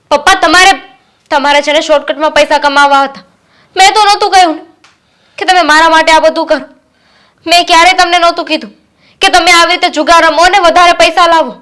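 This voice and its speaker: A woman acting as a young student daughter, resentful and determined, with a high voice. She scolds her father in firm, steady reproach. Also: a little fast, long pauses. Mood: hurt, defiant. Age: young adult. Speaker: daughter studying to be a pilot. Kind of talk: Gujarati short-film acting.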